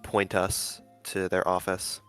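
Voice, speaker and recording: Very deep-voiced young man player, thoughtful and hesitant, soft music under. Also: completely flat delivery, takes it slowly. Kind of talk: casual tabletop play.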